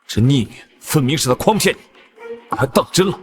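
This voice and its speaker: Brief: actor as a haughty middle-aged sect master, swinging wildly in pitch as he scolds. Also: expressive, a little fast, close to an everyday voice. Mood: angry denial. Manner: commanding, angry outbursts. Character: proud, stubborn middle-aged male sect master, quick-tempered. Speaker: sect leader father. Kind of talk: dubbed costume drama acting.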